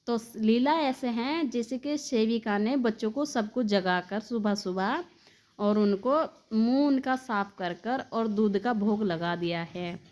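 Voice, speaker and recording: Woman telling a devotional story, slightly high voice. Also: a little slow, darkish tone. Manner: affectionate, addresses listeners as dear devotees.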